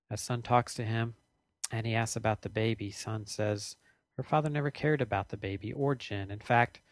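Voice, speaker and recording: A man's voice: medium pitch, gravelly, no room sound. A man co-hosting a podcast, casually recapping a TV episode at length and correcting himself as he goes. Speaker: podcast co-host.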